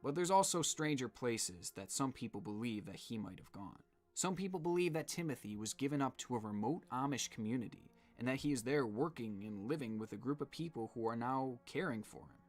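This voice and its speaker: Guy doing scripted true crime narration, normal mid pitched voice. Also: lively intonation, brisk, soft background music. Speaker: video narrator.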